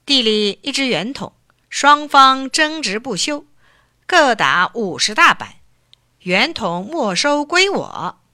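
A sly, greedy county magistrate with a shrill, high voice that jumps about, as a woman narrator puts him on. He sounds fussy and snappish. Told close and dry like a storybook reading. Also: sing-song, slow, sharp tone, no echo, heavily acted. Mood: scheming, exasperated. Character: greedy male county magistrate, cunning and flustered.

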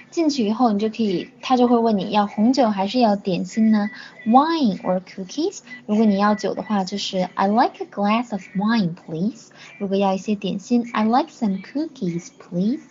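A woman teaching an online English lesson, saying each English word slowly, repeating it, and praising her learners between items. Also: mid-range voice, expressive, warm tone, a little hiss or hum. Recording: dull lo-fi audio.

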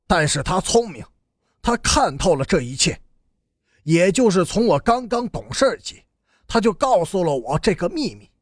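A man's voice: high voice, slightly rough, no room sound, studio quality, heavily acted. A man voicing a bitter, cynical young brawler who sneers defiantly.

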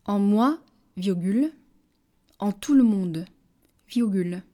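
A woman reading a French dictation slowly, saying each phrase twice and speaking the punctuation aloud. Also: lively intonation, mellow. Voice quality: measured, deliberate, dropping low on punctuation words. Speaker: dictation reader.

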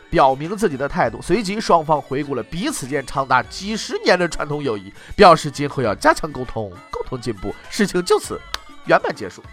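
A man's voice: fairly high pitch, fairly bright tone. A man telling history in traditional comic storytelling style, with wry, mocking asides.

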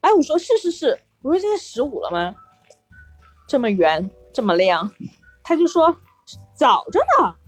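A woman co-hosting a chat show, speaking casually and telling anecdotes in an animated way with quoted dialogue. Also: high voice, moderate pace, dry recording. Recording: music bed behind the voice.

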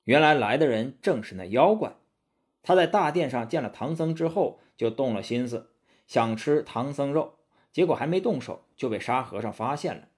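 A man narrating a storybook tale with animated, dramatic delivery. His voice is husky and rises and falls lively with the action. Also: medium pitch, normal speed.

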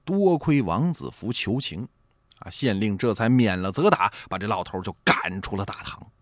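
A man telling a traditional folk tale in a lively, animated storytelling manner with drawn-out interjections. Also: lowish voice, no room sound, clean studio sound.

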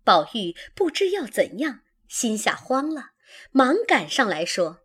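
A woman narrating a classical novel in a measured, expressive way. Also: on the high side, breathy edge. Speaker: audiobook narrator.

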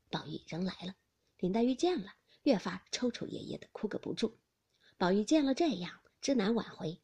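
Husky, expressive woman narrator. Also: mid-range voice. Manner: expressive, at times half-whispered. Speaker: audiobook narrator. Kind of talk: storytelling of a classic novel.

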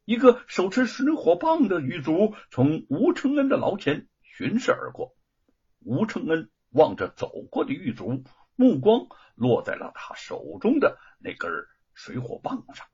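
A man's voice: high-pitched, wildly swooping pitch, a little slow, darkish tone, breathy edge. A man telling a story in a dramatic storytelling style, theatrical and swooping. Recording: dull lo-fi recording.

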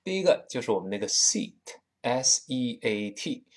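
Brief: man, Tianjin accent, English teacher, animated pitch, drills words slowly. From Tianjin, China. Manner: lively, slows down to drill pronunciation. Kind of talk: spoken English lesson.

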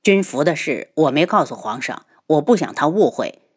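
A woman voicing a calm, cool-tempered noble prince in an audio novel, speaking low, cold and steady. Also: moderate pace, breathy edge, heavily acted.

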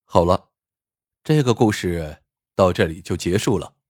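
A man narrating a folk tale in an expressive storytelling style. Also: sits low, unhurried, no room sound, studio quality.

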